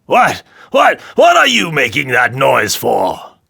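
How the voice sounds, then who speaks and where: Bellowing male tyrant king, mocking laughter, bright forceful tone, a man puts him on. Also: mid-range voice, huge pitch swings, slow, creaky, husky, no echo, studio quality, heavily acted. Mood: roaring, mocking.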